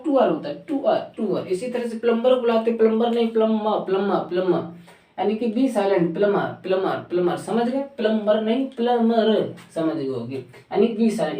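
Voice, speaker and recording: Woman teacher, mellow tone, recorded far off in an echoey room, drills words by repetition. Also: medium pitch. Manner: repeats each word over and over, drilling. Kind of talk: Hindi pronunciation lesson.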